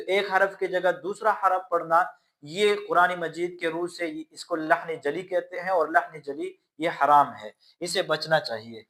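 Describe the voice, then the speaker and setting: A man teaching Quran pronunciation, stretching out each letter sound and then calmly explaining how to make it. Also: sits high. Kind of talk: slow letter-by-letter pronunciation lesson.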